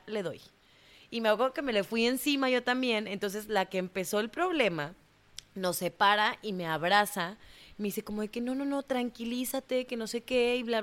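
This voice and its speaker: A young woman from Monterrey, Mexico with a northern Mexican accent, a dancer telling a story in an interview in a lively, colloquial way that acts out the dialogue. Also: mid-range voice. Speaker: dancer in a ballet company.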